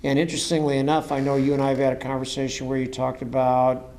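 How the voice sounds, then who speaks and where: A man's voice: medium pitch, monotone, fast, darkish tone. Man interviewing, keen and wordy. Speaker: interviewer and sports coach. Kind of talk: conversational interview.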